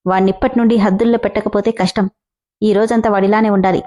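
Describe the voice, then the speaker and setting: A woman's voice: mid-range voice, fairly even intonation, fast, dark tone, natural voice. A woman voicing a stern, hot-tempered middle-aged father who scolds harshly, in a storybook reading. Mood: angry.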